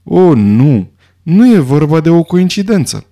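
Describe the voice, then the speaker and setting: A man's voice: on the high side, very animated, pitched above the performer's own voice. A man voicing a hardened adventurer who speaks in a somber, strained way. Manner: somber, rising to shouting. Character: hardened male adventurer near breaking.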